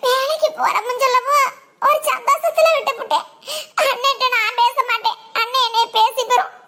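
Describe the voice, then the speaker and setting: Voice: very high voice, fairly even intonation, brisk, sharp tone, exaggerated voice. A performer voicing a worried young village wife in a cartoon, with a Tirunelveli Tamil accent and an anxious, pleading manner. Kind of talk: cartoon voice acting.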